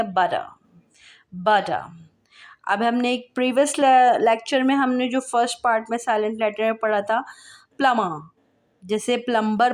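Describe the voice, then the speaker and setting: A woman gives a classroom lesson at a slow, patient pace. Her voice sits a little high. She spells words letter by letter and repeats them with care. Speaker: English teacher.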